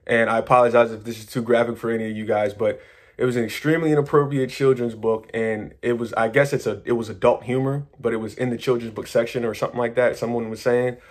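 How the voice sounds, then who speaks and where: Man, mid-pitched, excitable casual storyteller; rambling, slangy, restarts often. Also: fast talker. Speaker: manifestation coach.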